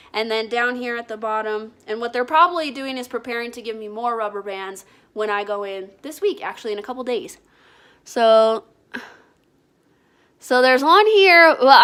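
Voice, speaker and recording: A woman with a fairly high, very bright and forceful voice talks casually to her viewers. She explains in an informal, conversational vlogging style, demonstrating as she goes.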